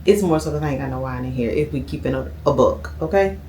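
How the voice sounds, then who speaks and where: A woman's voice: rumbling low, fast talker, mellow, slight background noise. A thirty-year-old woman, chatting casually to her camera at home and tagging "okay?" onto her lines. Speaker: vlogger. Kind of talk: casual sit-down chat to camera.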